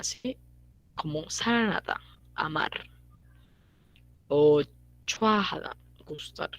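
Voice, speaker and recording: A young woman teaching a relaxed online grammar class, with a lower voice recorded dry and close. She goes over each rule more than once and keeps checking in with her listeners through short tag questions. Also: dry recording. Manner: repeats points and checks in with quick tag questions. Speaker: language teacher. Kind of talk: casual online grammar lesson.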